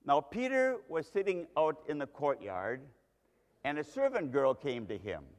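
A pastor preaches a sermon to his congregation, telling the story dramatically and with strong emphasis. His voice is a little high, sing-song and a little slow, and a long hall reverb fills the recording.

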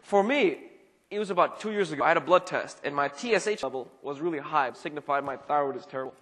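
A man's voice: fairly high pitch, quick pace, fairly bright tone. A young man preaching a casual, conversational sermon as a pastor, full of "you know" and "like" fillers. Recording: long reverb of a hall.

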